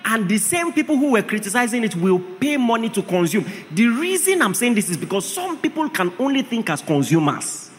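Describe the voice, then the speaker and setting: A man's voice: very high voice, sing-song, a little fast, hardly any pauses, long reverb tail, slight background noise. A man preaching a sermon, emphatic, often asking the congregation rhetorical questions.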